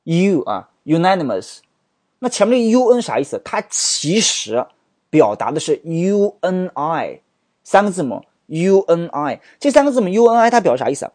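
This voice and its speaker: A man's voice: high-pitched, sing-song, moderate pace, a little mellow, dry recording. A man teaching English vocabulary, explaining word roots, spelling words out letter by letter and firing off rhetorical questions. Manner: asks many rhetorical questions.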